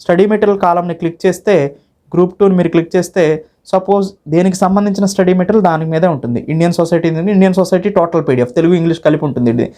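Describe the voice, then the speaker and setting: An online academy instructor with a Telugu accent from Andhra Pradesh or Telangana speaks in a high-pitched, dark-toned voice at a racing pace. In an informal course walkthrough for exam students, he mixes lots of English into his Telugu and repeats phrases step by step.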